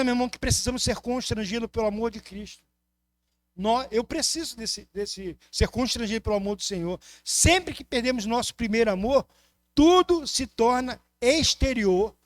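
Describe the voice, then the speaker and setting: Preaching as a pastor, this man speaks with a Brazilian Portuguese accent and a very high voice, passionately alternating loud emphasis with quiet asides. There's no echo on the recording.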